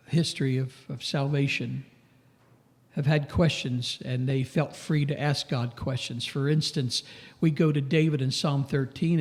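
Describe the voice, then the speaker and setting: A man preaching a sermon in a church, slow and emphatic, lifting his voice on questions and dropping low for asides. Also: darkish tone. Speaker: pastor.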